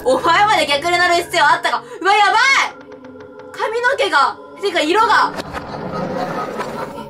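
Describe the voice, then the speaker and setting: A woman streamer playing a horror game, commenting with excitable, frightened reactions and shouts. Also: very high-pitched, normal speed, recorded from a distance, soft background music. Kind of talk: let's play commentary.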